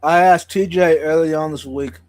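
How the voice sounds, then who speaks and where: High-voiced man, slightly sore-tongued speech. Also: fairly even intonation, moderate pace, darkish tone, no room sound. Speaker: live stream co-host. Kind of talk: casual live stream chat.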